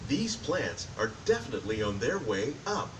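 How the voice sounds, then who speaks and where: A man giving a polished, measured scripted narration for an attraction ride, heard played over the ride's loudspeakers. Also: mid-range voice, sing-song, background noise. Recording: echoey loudspeaker from far off. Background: background music.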